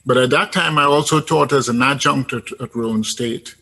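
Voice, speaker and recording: Brief: older guest from Trinidad, gravelly tone, hesitant with frequent fillers. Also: male voice, medium pitch, moderate pace, bright, forceful tone, low-quality recording. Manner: hesitant, many ums and restarts. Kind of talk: casual interview talk.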